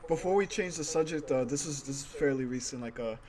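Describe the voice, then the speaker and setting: A young man co-hosting a casual podcast, jumping in quickly. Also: on the high side, crowd noise. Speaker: podcast co-host.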